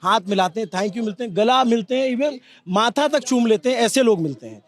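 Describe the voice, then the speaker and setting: A man's voice: very high voice, lively intonation, a little fast. A man working as a journalist at a protest, talking earnestly and lecturing the crowd in a field interview.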